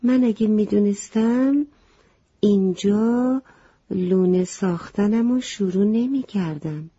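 Woman playing a tired but kind little sparrow in a storybook, friendly and mellow, muffled sound. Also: medium pitch, husky, lightly acted. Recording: slightly muffled lo-fi recording.

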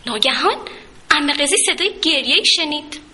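A woman narrating a children's story in a gentle, lilting storytelling way. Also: sits high, lively intonation.

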